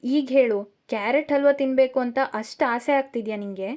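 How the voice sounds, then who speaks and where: A woman doing a teasing young man, gently coaxing. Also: high voice, normal speed, natural voice. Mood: playful. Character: teasing, affectionate young male lecturer.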